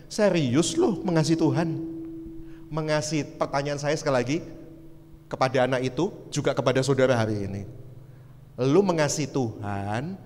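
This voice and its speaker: A young man preaching a youth sermon, telling a story with lively voiced dialogue and teasing rhetorical questions. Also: mid-range voice, a little fast, a little hiss or hum. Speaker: youth pastor. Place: church hall. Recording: long hall reverb.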